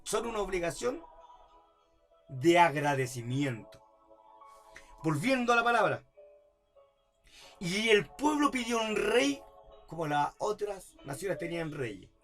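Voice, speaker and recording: High-voiced pastor preaching. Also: male voice, big pitch swings, slow, long pauses, a bit bright, soft background music. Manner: preaching with repeated rhetorical tag questions, building to emphatic outbursts. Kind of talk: sermon. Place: church service.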